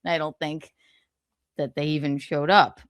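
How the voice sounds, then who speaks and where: With a deep, steady voice at a measured pace, a woman reads from a book on her stream, pausing for sarcastic comments, chuckling frequently, and thanking viewers for donations mid-read. The recording is clean studio sound without any room sound.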